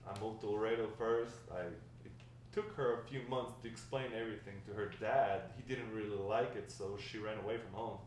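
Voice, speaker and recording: This man's fairly low, steady voice moves briskly and sounds natural as he voices a wry old grandfather recounting a shady drug-dealing past. It's a table read captured from a distance in a very echoey room, faintly noisy.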